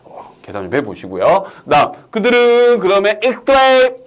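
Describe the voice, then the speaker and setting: A man teaching an English reading lesson online. He reads the English lines slowly, then explains them in a lively way, sometimes acting out a child's words. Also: high-pitched. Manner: animated, acts out lines in a childlike voice.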